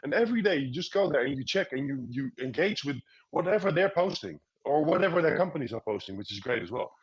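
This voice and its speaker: A man's voice: fairly high pitch, lively intonation, fast talker, slightly rough, muffled recording. A man answering questions as a guest expert in a live online session, often repeating words as he explains.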